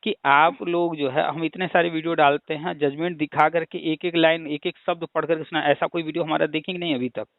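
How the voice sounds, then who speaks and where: A man's voice: on the high side, flat delivery, a little fast, hardly any pauses, no echo. A man explaining a topic at length in a casual phone conversation, lecturing patiently with rhetorical questions and examples. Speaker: teacher hosting a call-in discussion. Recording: tinny phone line.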